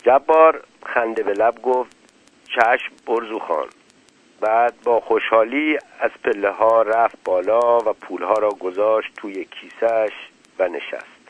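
A man narrating a novel as an audiobook reader, telling the story in a measured way. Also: on the low side, no echo, phone-quality sound. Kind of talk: narrating a novel, voicing the characters.

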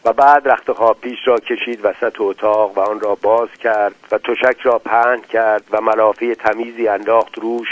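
A man telling a dramatic story in scripted narration, letting his loudness rise and fall widely. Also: on the low side, flat delivery, few pauses, dry recording. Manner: dramatic, with big swings in loudness. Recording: dull, dry lo-fi recording.

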